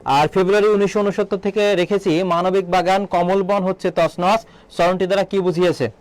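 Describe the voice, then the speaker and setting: High-voiced man tutoring, quizzing. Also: steady tone. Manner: quizzes students, then answers his own questions; repeats key words slowly. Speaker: admission exam tutor. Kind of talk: online exam-prep lesson.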